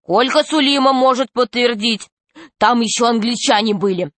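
A woman reading a storybook, voicing a boastful, excitable schoolboy who insists on his story. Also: on the high side, moderate pace, no room sound, pitched above the performer's own voice, lightly acted. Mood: eager boasting. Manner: insistent, eager.

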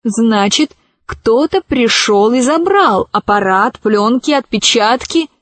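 A woman reading the lines of a brisk, commanding female bird-creature scientist in a storybook, with sharp, curt speech. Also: a little high, animated, no echo. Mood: questioning.

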